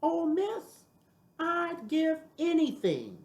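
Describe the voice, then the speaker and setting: A woman's voice: fairly low pitch, big pitch swings, unhurried, roomy sound. An older woman voicing an eager, polite young working man in a storybook, earnest and emphatic.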